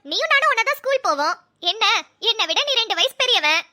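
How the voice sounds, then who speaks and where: A woman voicing a lively young woman who teases her childhood friend in quick banter. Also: very high-pitched, exaggerated voice. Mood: teasing.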